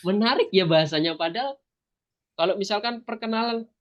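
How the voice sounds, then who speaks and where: A man with an East Javanese accent teaching public speaking to a small group, modeling pitch, stress and articulation as he goes. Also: fairly quick. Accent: Indonesian, East Javanese. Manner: demonstrative, shifts pitch and stress to model intonation. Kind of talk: workshop lesson with participants.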